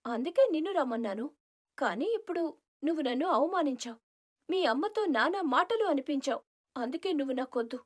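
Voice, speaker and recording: A woman voicing a proud young village woman in an animated story, haughty and dismissive. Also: high-pitched, pitched above the performer's own voice. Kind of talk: storybook cartoon voice acting.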